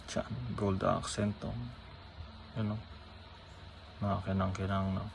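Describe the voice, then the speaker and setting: A man's low, completely flat voice takes things slowly as he shows off trading cards for his vlog. Chatty and casual, he keeps checking in with the viewer, tagging lots of sentences with "no?". The recording is low quality, with clear background noise.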